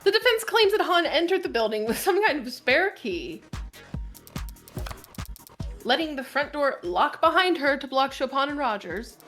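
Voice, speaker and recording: A woman's voice: high voice, very animated, normal speed, pauses often, fairly bright tone, faint music behind. A woman playing a smug sarcastic prosecutor. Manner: smug, cutting retorts. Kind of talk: reading a courtroom visual novel aloud.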